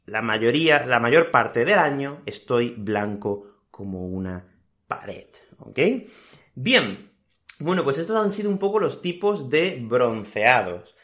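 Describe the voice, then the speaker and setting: Man from Spain teaching Spanish, lively pitch. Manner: repeats key words slowly and checks with "¿ok?". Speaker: Spanish teacher, podcast host. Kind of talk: slow, clear teaching podcast for learners.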